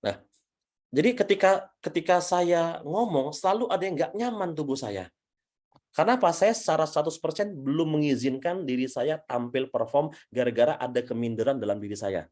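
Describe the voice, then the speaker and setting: Energetic public speaking coach, a man. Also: a little high, moderate pace. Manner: energetic, emphatic, often restarts, builds points with "nah". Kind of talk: Q&A teaching session.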